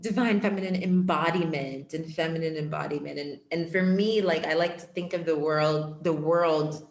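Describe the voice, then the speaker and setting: Speaking at a moderate pace with a deep, steady voice, this young adult woman appears as a podcast guest and an empowerment coach. Born in Portugal and raised in Ethiopia, she sounds casual and earnest, filling pauses reflectively, and the room has an echo.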